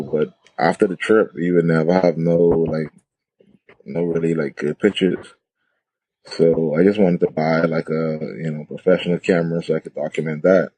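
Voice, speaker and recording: A laid-back man talks easily as a podcast guest, his voice very low and mellow. The recording is dry and close. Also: no room sound. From the Bahamas. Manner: laid-back, lots of "you know" and "like". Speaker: wedding photographer, podcast guest. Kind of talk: casual interview chat.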